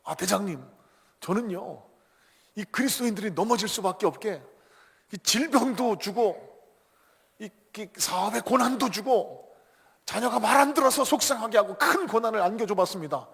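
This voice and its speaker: An eager little devil minion reports his schemes to the boss, as a preacher puts him on, pitched high and pushed. The sound carries a long church-hall reverb. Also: moderate pace, vocal fry, fairly bright tone, breathy edge, heavily acted. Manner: earnest, reporting proudly.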